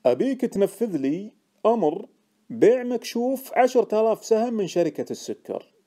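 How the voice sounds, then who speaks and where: A man's voice: high voice, sing-song, warm tone, voice pushed up. Man playing a cool, shrewd old trader. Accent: Gulf Arabic. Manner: cool, unhurried, dry. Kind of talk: audiobook character voice.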